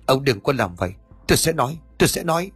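A man's voice: mid-range voice, very animated, fast talker, breathy edge, no echo, faint music behind, exaggerated voice. A male narrator voicing a frightened old sorcerer who begs desperately for mercy. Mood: pleading. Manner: pleading, desperate.

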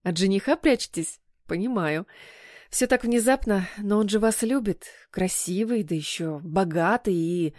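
A woman's voice: mid-range voice, moderate pace, a little mellow, no echo, studio quality, natural voice. A woman voicing a chatty, gossipy young housemaid with a gushing manner in an audiobook. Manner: giggly, gushing.

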